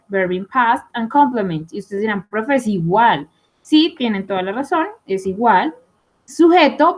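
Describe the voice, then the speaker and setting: A young adult woman teaching English grammar in an online class, explaining step by step and often pausing to ask her students whether they follow. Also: a little high. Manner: explanatory, asks rhetorical checks like "¿listo?" and "¿sí?".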